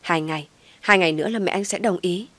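A woman's voice: fairly low pitch, quick pace, fairly bright tone, no echo. A woman voicing a devoted young man who coaxes and pleads in an audio story. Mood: coaxing pleading. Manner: coaxing, pleading.

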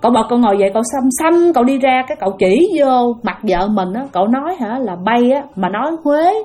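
A woman's voice: on the high side, animated, fast talker, warm tone. Chatty Southern Vietnamese woman storyteller. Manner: chatty, addresses listeners, many fillers. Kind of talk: casual spoken ghost storytelling.

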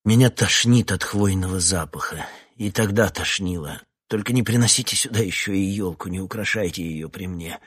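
A man's voice: sits low, normal speed, husky. A man narrating a first-person story in a weary, wry audiobook reading.

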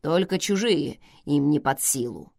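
A woman's voice: low-pitched, lively intonation, a little slow, vocal fry, darkish tone, no echo, pitched below the performer's own voice, full character voice. Brief: woman doing a sulky male vampire, grumbling, dry close mic. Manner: grumbling, disgruntled. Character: grumpy sulking male vampire husband.

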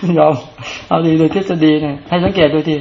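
A man's voice: fairly high pitch, steady tone, fast, gravelly, muffled recording. A male Buddhist monk giving a casual dharma talk, talking conversationally and often asking rhetorical questions.

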